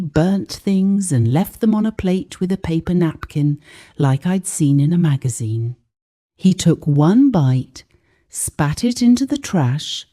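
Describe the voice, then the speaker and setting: A woman reads a dramatic first-person story aloud, slow and hushed. Her voice is very dark and mellow, lowish in pitch, yet rises and falls expressively. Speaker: narrator. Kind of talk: scripted storybook narration.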